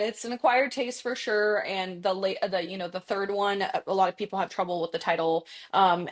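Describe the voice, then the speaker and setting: A woman in her thirties talking as an interview guest in a casual, chatty, self-deprecating way, with frequent fillers. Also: mid-range voice. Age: 30s. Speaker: guest executive.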